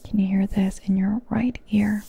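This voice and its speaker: A woman voicing a gentle doctor in an ASMR roleplay, speaking in a soft breathy whisper. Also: mid-range voice, little pitch movement, takes it slowly, full character voice. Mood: soothing.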